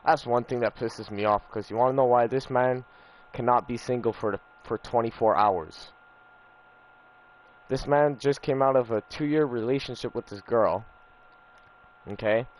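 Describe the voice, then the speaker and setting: A man's voice: medium pitch, normal speed. A young man telling a personal story in casual, rambling chat over gameplay, swearing often and filling with "you know" and "like". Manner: rambling, profane, repeats himself with lots of fillers. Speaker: gaming streamer.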